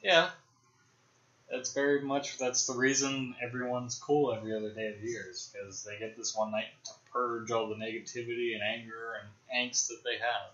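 Young male podcast host, bright and forceful, casual rambling film talk, roomy dull lo-fi audio. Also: mid-range voice, little pitch movement, normal speed. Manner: rambling, speculative, frequent fillers and restarts.

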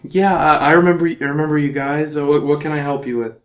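A man voicing a soft-spoken male elf monastery clerk in a dreamy, far-off manner. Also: fairly high pitch, steady tone, fast, echoey room, close to an everyday voice. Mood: dreamy, helpful. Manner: dreamy, airy and far-off way of talking.

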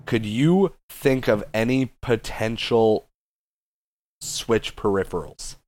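A man's voice: lowish voice, slow pace, no room sound. Rambling man saying "like" a lot. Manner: rambling, heavy use of "like", excitable. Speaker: podcast co-host. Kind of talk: casual chat about video games.

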